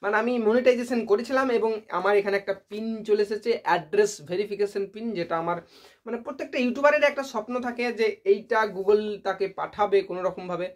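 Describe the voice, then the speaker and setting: A man's voice: high-pitched, quick pace. A man vlogging casually to his viewers, chatty and self-mocking, often laughing at himself. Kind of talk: casual comedic vlog.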